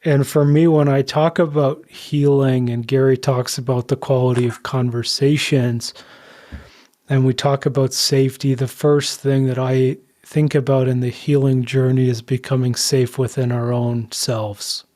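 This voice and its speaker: A man co-hosting a podcast, talking in an earnest, slow and deliberate way. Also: mid-range voice, level tone, dark tone. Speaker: podcast co-host. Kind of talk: reflective podcast talk.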